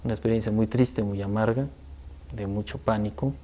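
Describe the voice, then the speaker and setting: A man's voice: on the low side, steady tone, moderate pace, noisy background. A man in an interview recalling a frightening experience in a subdued, grave way. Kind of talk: recounting a personal memory.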